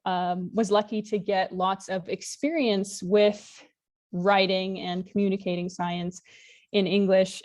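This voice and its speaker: A woman's voice: mid-range voice, a little mellow. A woman in her thirties from Alaska giving an informal online lecture on a video call, talking in a friendly, conversational way with occasional fillers. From Alaska, United States. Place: home room with virtual background. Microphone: laptop webcam mic on a video call.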